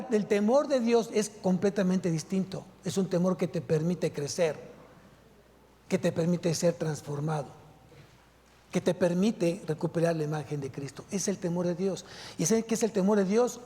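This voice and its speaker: A man's voice: high-pitched, mellow. A man preaching a sermon to his congregation, putting emphatic rhetorical questions to them. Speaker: pastor. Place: church sanctuary. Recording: long reverb of a church hall.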